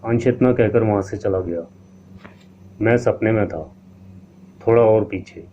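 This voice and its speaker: A man narrating a scripted horror story in a steady storytelling manner. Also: lowish voice, unhurried. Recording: tinny lo-fi line with faint hiss.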